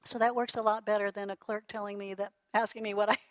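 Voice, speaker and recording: A middle-aged woman gives a relaxed, unhurried class lecture on healing, speaking reflectively in an ordinary middle pitch with a level tone. She often circles back to restart sentences and lets out soft laughs. The recording is close and dry, without room sound or echo.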